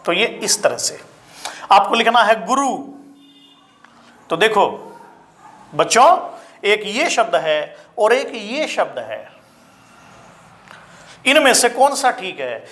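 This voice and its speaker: A man teaching a spelling lesson to exam students, repeating each word slowly and calling his listeners children. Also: high voice, big pitch swings, sharp tone. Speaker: Hindi teacher.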